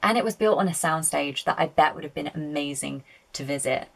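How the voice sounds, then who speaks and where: Woman, lower-pitched voice, chatty and sweary, opinionated film reviewer, casual commentary. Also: brisk, gravelly, husky.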